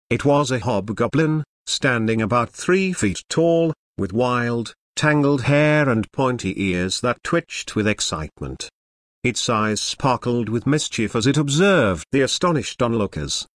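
Male storyteller, mid-pitched, dry close sound, even and measured reading. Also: no echo. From England, Lancashire. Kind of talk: scripted story narration.

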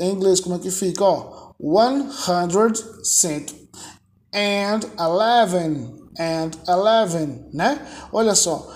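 A man's voice: sits high, a little mellow. A man teaching an online English lesson, patiently drilling numbers by repetition and often checking in with tag questions.

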